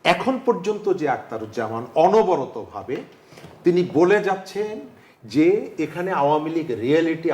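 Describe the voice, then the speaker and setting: Male panel guest, slightly high voice, calm and pointed, echoey studio sound. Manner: measured, pointed, rhetorical questions. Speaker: talk show guest. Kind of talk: political debate.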